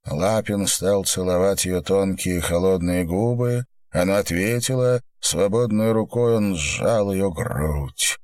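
A man narrating an audiobook in a measured, expressive reading. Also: low voice, no room sound, studio quality.

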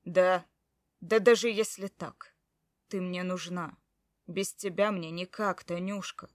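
A stubborn grown husband, gruff and insistent, his voice pushing hard and loud, as a woman puts him on. Every word comes through close and dry, with no room around it. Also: fairly low pitch, fairly even intonation, slow, dry recording. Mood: tender.

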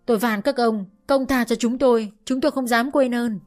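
A woman's voice: on the high side, fairly even intonation, normal speed, darkish tone, faint music behind, pitched above the performer's own voice, lightly acted. Woman doing a desperate mom, pleading and begging the cops nonstop. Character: desperate middle-aged mother pleading with police.

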